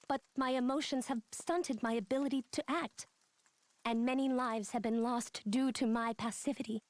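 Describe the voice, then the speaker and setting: A woman's voice: high voice, natural voice. A woman voicing a guilt-ridden young female android in a video game, with a formal, robotic delivery. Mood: troubled. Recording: game audio with music behind. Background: game background music.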